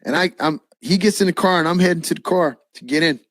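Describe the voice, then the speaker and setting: A man preaching his own testimony as a lively storyteller, acting out the dialogue and dropping a casual "man" now and then. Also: on the high side, quick pace, dry recording, studio quality. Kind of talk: spoken personal testimony.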